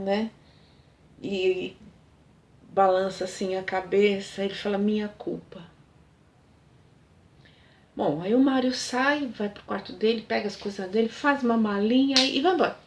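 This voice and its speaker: A woman's voice: medium pitch, moderate pace, darkish tone. A woman casually retelling a story's plot in a chatty way, full of fillers.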